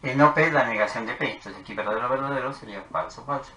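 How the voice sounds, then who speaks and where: A man explains propositional logic step by step, calmly reading out truth values as he writes them. His voice is bright and forward. The recording rings with room echo over a faint background hiss. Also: medium pitch, racing. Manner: methodical, talks while writing tables. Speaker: math teacher. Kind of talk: whiteboard logic lesson. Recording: echoey room with faint noise.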